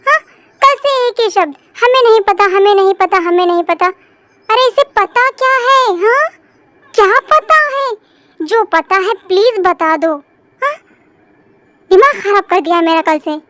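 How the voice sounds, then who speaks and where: A woman's voice: very high-pitched, lively intonation, a little slow, a bit bright, heavily acted. A woman voicing a hot-tempered young man who scolds and rants in exasperation. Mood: angry. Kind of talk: fan audio story voice acting.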